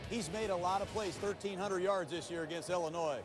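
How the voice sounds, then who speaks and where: A man's voice: high-pitched, fairly quick, music in the background. A man giving live football commentary as an analyst.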